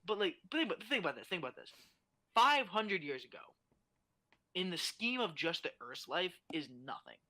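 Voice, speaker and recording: Bright-voiced man ranting profanely. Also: high voice, sing-song, a little fast. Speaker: guest. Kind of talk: casual podcast chat.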